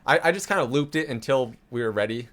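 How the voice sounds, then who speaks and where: Man, podcast co-host, casual chat, explains things, light laughs, medium pitch. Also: expressive, fast, a bit bright. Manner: chatty, explains the rules with small laughs.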